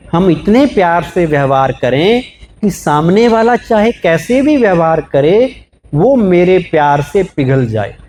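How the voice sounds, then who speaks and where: A man's voice: high-pitched, darkish tone, slight background noise. A man giving a spiritual, motivational talk to a live audience, asking them rhetorical questions and explaining with everyday examples. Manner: asks the audience rhetorical questions, calls for raised hands. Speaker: spiritual speaker.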